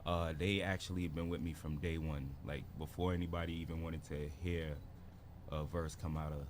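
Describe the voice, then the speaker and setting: A man's voice: a bass voice, fairly even intonation, normal speed, slight background noise. A man from Barbados in his thirties, a rapper telling his story in a laid-back casual interview full of slang. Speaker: guest rapper.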